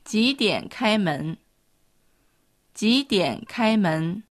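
A woman co-teaching a language lesson, pronouncing model phrases slowly and carefully. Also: mid-range voice, animated, no room sound, studio quality. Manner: slow, careful model pronunciation.

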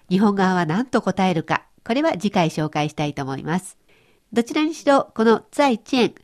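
A woman presenting a radio language lesson, explaining cheerfully. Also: a little high. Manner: cheerful explaining, lively intonation. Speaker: language teacher.

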